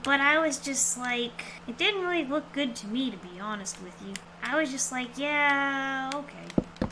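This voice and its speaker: A woman's voice: high voice, normal speed, sharp tone. A woman streaming a game with casual, rambling, playful commentary in a cute anime-streamer manner. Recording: clearly noisy background.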